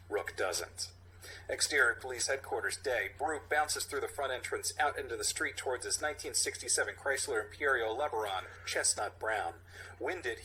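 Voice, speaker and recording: A man co-hosts a comedy podcast and reads listener submissions in a loose, halting way, often stumbling as he goes. His voice is very bright and midrange, with a faint hiss underneath. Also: mid-range voice, poor audio. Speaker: podcast co-host. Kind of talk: casual podcast chat, reading aloud.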